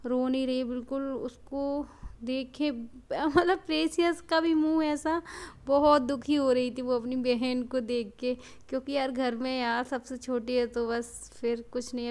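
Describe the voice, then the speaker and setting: A woman's voice: sits high, darkish tone. A young woman vlogging casually at home as a mother, chatty and repeating words for emphasis, sometimes slipping into sing-song baby talk to her daughters. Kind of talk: casual home vlog chat. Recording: noisy home recording.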